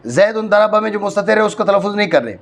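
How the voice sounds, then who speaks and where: Here a man from Pakistan teaches Arabic grammar to a class, explaining in steps, repeating himself, and checking comprehension often. His voice is high and animated.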